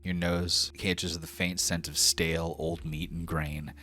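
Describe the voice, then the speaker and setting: Very deep-voiced man as game master. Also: level tone, a little slow, pushed and bright. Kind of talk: narrating a tabletop game, casual.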